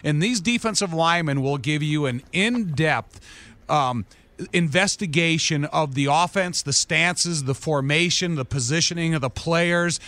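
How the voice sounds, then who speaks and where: A man's voice: fairly high pitch, unhurried, a bit bright, no echo. A man on a sports radio show, earnestly explaining how defensive linemen think. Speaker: radio football analyst.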